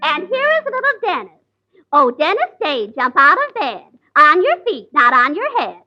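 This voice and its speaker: In a 1940s radio comedy, a woman with a high-pitched, very animated voice plays a brassy, wisecracking female Blue Fairy who talks in sing-song rhymes at a normal pace. The broadcast sounds dull, with soft music in the background.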